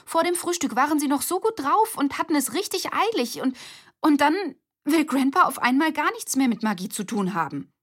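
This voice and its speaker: A woman voicing an excited, upset young girl in a storybook reading. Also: mid-range voice, gravelly, husky, heavily acted. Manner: upset, rushing.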